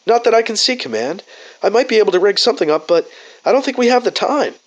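A man's voice: sits high, animated, fast talker, lo-fi sound, voice pushed up. A man voicing a brave male pilot on a doomed mission, making clipped, urgent calls over a comm radio.

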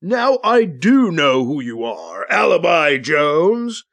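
A male narrator playing a vengeful crime boss who speaks in slow, deliberate threats, in an audiobook. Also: a little high, sing-song, vocal fry, a bit bright, full character voice. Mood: menacing.

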